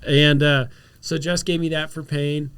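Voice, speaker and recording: A man's voice: fairly high pitch, a little slow, clear, resonant tone, dry recording. A man, a chiropractor, chatting casually on a health podcast, explaining remedies and telling stories. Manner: storytelling, mixes explanation with animated reenacted quotes.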